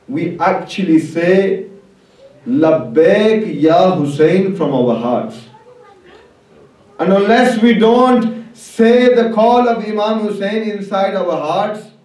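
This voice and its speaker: A high-voiced man with a darkish tone gives an Islamic sermon in a religious hall over public address, rousing listeners with rhetorical questions. He stands far from the mic, and the hall is very echoey.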